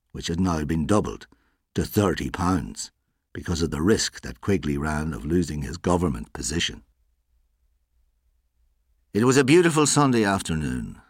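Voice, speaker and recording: Low, lively male storyteller. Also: dry recording, studio quality. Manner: measured, expressive storytelling. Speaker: narrator. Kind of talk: scripted story reading.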